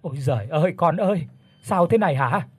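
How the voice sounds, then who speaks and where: A man voicing an anxious village mother who speaks quickly and wails, in a spoken ghost story. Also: a little high, breathy edge, no echo. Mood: wailing. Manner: wailing, quick.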